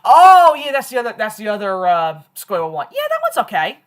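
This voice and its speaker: Woman, livestream host, casual chat, lively swooping pitch, laughs a lot. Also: fairly quick. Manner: animated, laughs often.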